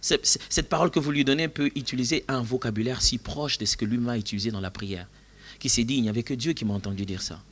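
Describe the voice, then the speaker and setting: A man preaching a sermon at a church retreat, telling a personal story and shifting between hushed and loud passages. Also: medium pitch, fast talker.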